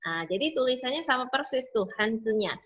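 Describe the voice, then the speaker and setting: A woman's voice: fairly high pitch, animated, a bit bright, breathy edge. Woman teaching, repeating words in drills. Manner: explains each word slowly, repeats drills three times. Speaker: Mandarin teacher. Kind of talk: online class lecture. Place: home, online video class. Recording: slightly dull lo-fi audio.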